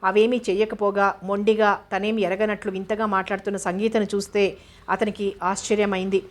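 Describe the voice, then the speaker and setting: Lady reading a novel aloud, flat steady voice, measured. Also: medium pitch. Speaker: audiobook narrator. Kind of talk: scripted novel narration.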